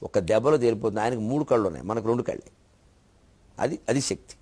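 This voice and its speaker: A man's voice: on the low side, quick pace, mellow, husky. A man giving a devotional discourse, preaching emphatically with wordplay and rhetorical questions. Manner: emphatic, acts out quoted voices. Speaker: spiritual speaker.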